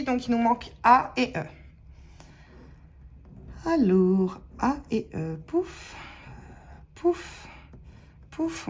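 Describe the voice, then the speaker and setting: A woman with a French accent speaks in an easy, unhurried way, her voice sitting a touch high. She chats to her viewers as friends and spells out letters one at a time while scratching tickets. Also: a little hiss or hum. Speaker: scratch-card vlogger. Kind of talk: casual commentary while scratching lottery tickets.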